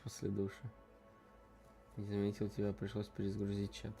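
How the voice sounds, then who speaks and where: A man's voice: on the low side, completely flat delivery, brisk, creaky, dark tone. A man chatting casually on a livestream as he plays, talking to his chat in slangy, informal asides. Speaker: game streamer. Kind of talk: casual livestream chat while playing a game. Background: game music.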